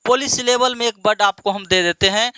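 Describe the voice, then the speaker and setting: His voice sits high, with a sharp, clean tone, no room sound and a lo-fi quality. In this English grammar lesson, the Indian man poses questions and answers them himself, repeating words in a drawn-out way and using call-and-response while calling his students "my dear".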